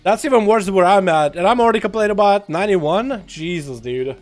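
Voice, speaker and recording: A young man with a fairly high voice, talking like a hyped frat bro on a gaming livestream. He is slangy and swears freely in casual chat, with music playing behind him. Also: lively intonation, fast, a little mellow. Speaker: video game livestream host.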